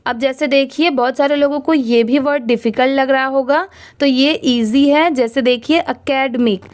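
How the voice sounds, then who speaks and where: A woman's voice: high-pitched, steady tone, moderate pace. A woman teaching English reading who spells words letter by letter and then blends them, explaining patiently and with encouragement. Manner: patient, encouraging explanations with many rhetorical questions.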